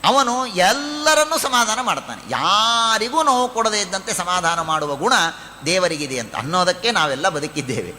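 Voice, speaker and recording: A man's voice: high-pitched, big pitch swings, moderate pace, sharp tone, in a large hall, slight background noise. A man giving a devotional scripture discourse, telling the story in his own words, acting out its dialogue and chanting Sanskrit verses. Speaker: pravachan speaker.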